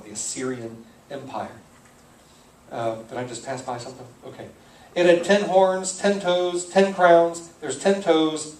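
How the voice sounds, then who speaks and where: A male pastor gives a verse-by-verse Bible lesson in a loose, conversational way, pausing to work out names aloud. His voice sits a little high and sounds far from the mic, and the church hall around him rings with echo. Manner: conversational, thinks aloud, self-correcting on names.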